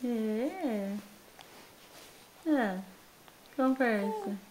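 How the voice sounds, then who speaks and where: A Brazilian mother gently and repetitively coaxing her babies to talk in a home video. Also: fairly high pitch, big pitch swings, extremely slow. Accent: Brazilian Portuguese.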